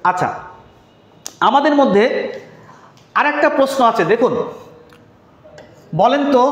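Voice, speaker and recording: A man with a strikingly high voice teaching a live online grammar class. He drills each point by repeating it and quizzes his listeners as he goes. The recording has a noticeable echo from the room.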